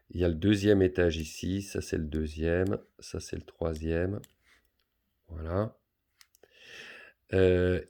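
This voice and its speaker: Gravelly-voiced French male teacher. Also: sits low, mellow. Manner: patient, talks pupils through each step, many fillers. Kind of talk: math lesson for pupils, explaining on a board.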